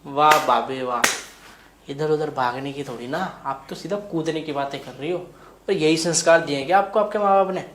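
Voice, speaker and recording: A woman's voice: deep voice, normal speed, slight background noise, close to an everyday voice. A woman voicing a flustered young man, the brother-in-law, who protests and lectures in a web series scene. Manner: protesting, exclaiming, preachy. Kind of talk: Hindi web series dialogue. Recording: echoey room.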